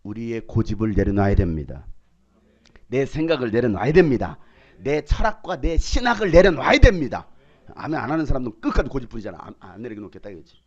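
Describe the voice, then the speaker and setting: A man preaching a sermon as pastor, emphatic, swinging between loud bursts and quiet asides, acting out quoted voices. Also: medium pitch, very animated, a little fast, muffled recording. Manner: acts out quoted dialogue in changed voices.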